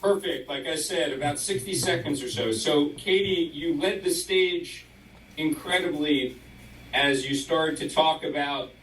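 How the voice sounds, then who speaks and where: A man's voice: on the high side, unhurried, fairly bright tone, reverberant, recorded from a distance, a little hiss or hum, rough recording. A man on a village council eagerly talking through data on a shared screen, apologizing as he goes. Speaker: council member. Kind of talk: council meeting remarks.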